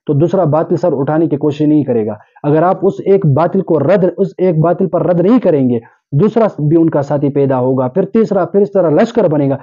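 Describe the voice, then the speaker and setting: A man's voice: on the high side, dark tone, muffled recording. A man delivering an earnest sermon, exhorting listeners and explaining with everyday examples. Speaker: Islamic preacher. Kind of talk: urdu sermon.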